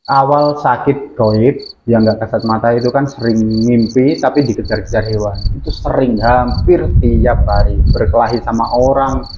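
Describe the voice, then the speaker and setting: A man's voice: medium pitch, steady tone, moderate pace, reverberant, background noise. A man from East Java, telling his own experience earnestly as a guest on a radio interview. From East Java, Indonesia. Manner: earnest, plain storytelling with many fillers. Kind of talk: radio interview, personal story. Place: radio studio.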